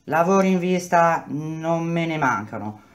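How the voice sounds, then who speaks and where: A woman reading aloud and voicing a middle-aged male contractor who smoothly explains hard news to his workers. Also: sits low, animated, unhurried. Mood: persuasive. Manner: persuasive, explanatory, speaks to workers as a group.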